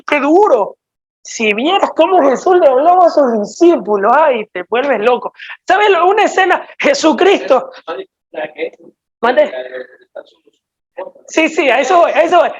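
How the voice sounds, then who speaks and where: Woman, Ecuadorian accent, preacher, high voice, emphatic, scolding, dull lo-fi recording. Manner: emphatic, direct and scolding, with sudden swings in loudness. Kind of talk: sermon.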